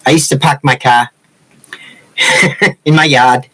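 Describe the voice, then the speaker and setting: A man's voice: mid-range voice, steady tone, takes it slowly, sharp tone, slightly rough, poor audio. A man in his sixties from Massachusetts with no regional accent, chatting casually and teasing viewers as the host of a woodcarving livestream. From Massachusetts, USA. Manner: joking, teasing, rambling.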